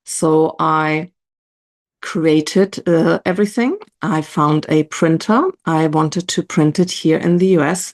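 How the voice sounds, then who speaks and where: A woman's voice: low voice, darkish tone. A middle-aged woman, a planner designer and online entrepreneur, giving a casual, chatty product walkthrough to her camera, often using "you know" as a filler.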